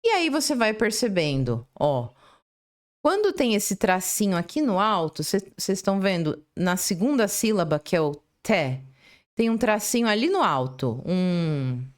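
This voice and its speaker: A woman's voice: mid-range voice, measured pace. A woman English teacher giving an online lesson, talking through a screen share, often checking in with short tag questions and restarting her sentences. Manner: lively, tag questions and frequent self-restarts.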